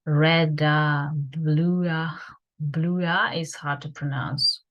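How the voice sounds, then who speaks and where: Woman teaching grammar online, slow and careful, lots of ums, lowish voice. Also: steady tone, a bit bright, dull audio. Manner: slow, deliberate explanations with many fillers. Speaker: English teacher. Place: home.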